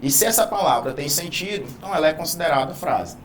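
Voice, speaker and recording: A man's voice: fairly high pitch, expressive, quick pace, slight background noise. A man teaching a Portuguese grammar video lesson, explaining patiently, drawing out key words and checking in often with "né?" and "tá?". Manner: didactic, stretches key words, frequent "né?" and "tá?".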